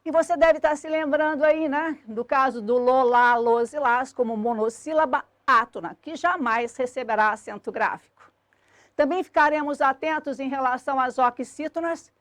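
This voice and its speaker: A Brazilian woman teaching Portuguese grammar, giving a clear, didactic lesson and drawing out each example word and ending. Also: sits high, moderate pace, no room sound, clean studio sound.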